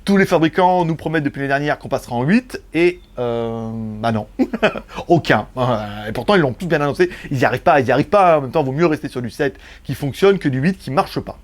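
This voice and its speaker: Male tech reviewer, casual and jokey, slightly high voice with a very lively pitch. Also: a little fast. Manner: chatty, joking, lots of fillers.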